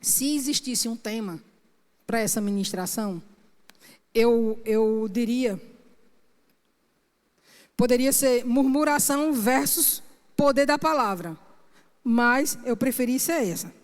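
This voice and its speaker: A woman's voice: on the high side, slow, pauses often. A woman minister from Brazil, preaching an emphatic sermon and often asking the congregation "Amém?". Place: church sanctuary. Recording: long church-hall reverb.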